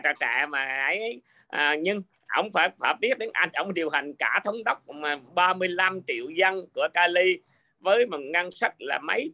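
A man's voice: a little high, creaky, pushed and bright. A man in casual political chat, speaking hesitantly with many fillers. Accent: Vietnamese-American.

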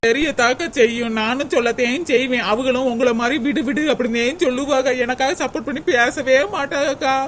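A woman's voice: high voice, steady tone, fairly quick, few pauses, background noise, close to an everyday voice. A woman doing a plaintive young daughter-in-law. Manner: plaintive, complaining. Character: young put-upon village daughter-in-law. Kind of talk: cartoon comedy voice acting.

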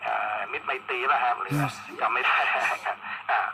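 A man's voice: mid-range voice, steady tone, a little slow. A man running an amateur radio check-in, heard over a two-way radio, polite and procedural as he reads call signs. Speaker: amateur radio net operator. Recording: noisy radio transmission.

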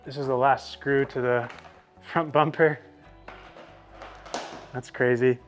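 A young man walking through an installation step by step in a relaxed, explanatory way with frequent fillers, recorded in an indoor garage. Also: mid-range voice. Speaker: product installer. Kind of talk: casual how-to walkthrough.

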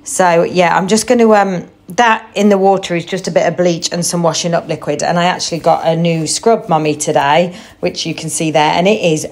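A young woman talks casually to her viewers about cleaning. Her voice sits a little low, and her chat is excitable and full of fillers. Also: brisk, few pauses. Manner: chatty and excitable, with many fillers. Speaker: cleaning vlogger.

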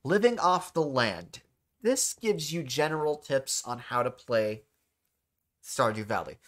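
A man's voice: medium pitch, lively intonation, unhurried, fairly bright tone. A man demonstrating a game in an instructional tutorial style, explaining controls step by step and repeating key points. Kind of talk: step-by-step gameplay tutorial narration.

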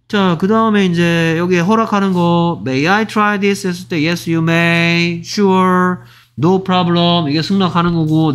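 A man teaching English to middle school students, repeating example phrases slowly and acting out short dialogues. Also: fairly high pitch, fairly bright tone. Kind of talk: exam-prep lecture.

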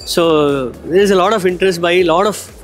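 A man's voice: high voice, fairly quick, over loud music. A middle-aged man with an Indian English accent, confidently explaining his company's products on a handheld mic at a trade show booth. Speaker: company executive. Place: busy exhibition hall booth. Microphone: handheld microphone.

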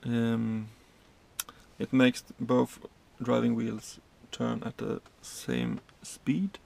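A Swedish man in his thirties, a truck driver, casually shows off his cab and explains the controls haltingly, full of fillers and restarts. His mid-range voice is level in tone, creaky and a little mellow.

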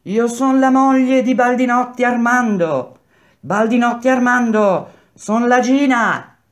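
A woman voicing a desperate young wife loudly calling up to the prison bars. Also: on the high side, slow pace, voice pushed up. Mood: desperate shouting. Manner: loud calling, straining.

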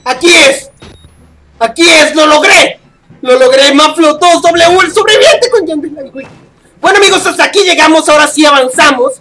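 A man's voice: very high-pitched, moderate pace, bright, forceful tone. A young man with a Mexican accent giving horror gameplay commentary, shrieking in panic and swearing constantly. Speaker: gaming youtuber.

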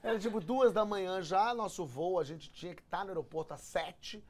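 A man's voice: sits high, a little fast, crowd noise. A man hosting a show, telling a comic story and acting out the dialogue. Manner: lively, acts out dialogue. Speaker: host.

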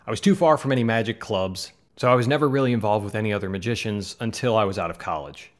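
This fast-talking man, fairly low in pitch, is in his thirties, hails from the Southern United States and has a Midwestern accent. As host of a magic channel in a small home studio, he talks casually and earnestly to camera, conversational and gesturing with his hands. He uses a studio mic on a boom in front.

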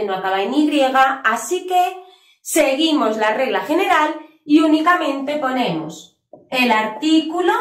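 A woman teaching a video lesson, patiently spelling out letters and slowly repeating examples. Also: on the high side, roomy sound. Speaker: English teacher. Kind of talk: video lesson explaining grammar.

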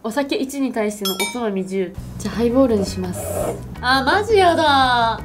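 A twenty-year-old woman chatting casually to camera as a vlog host, in a youthful, expressive, exclamatory and slangy way. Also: a little high, brisk. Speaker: video host. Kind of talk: casual vlog chat to camera while taste-testing. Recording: background music behind the voice. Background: music.

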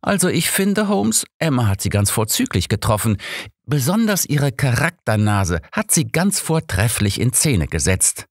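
A man voicing a wry, genial old gentleman doctor in an audiobook. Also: medium pitch, very animated, moderate pace, no room sound, studio quality, pitched above the performer's own voice. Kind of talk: audiobook character reading.

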